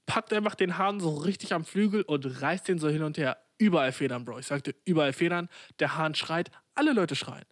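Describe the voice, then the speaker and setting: A man's voice: on the high side, fairly quick, hardly any pauses, no echo, studio quality. Young man telling a slangy, rambling story. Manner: slangy, peppered with English words and swearing; rambling with many fillers and restarts. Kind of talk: casual comic anecdote.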